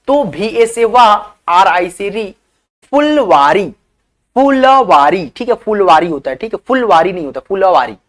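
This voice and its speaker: A man teaching a beginners' spelling lesson, sounding out words letter by letter, often checking in with "theek hai" and calling viewers his friends. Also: high voice. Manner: addresses viewers as friends, asks them to comment. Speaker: online teacher.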